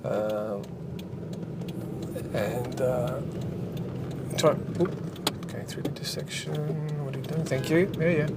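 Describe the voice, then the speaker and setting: Taking it slowly with long pauses, a man in a mid-range voice rambles casually while driving, restarting often and using many fillers. He's a game developer and channel host, recorded with road noise inside the moving car.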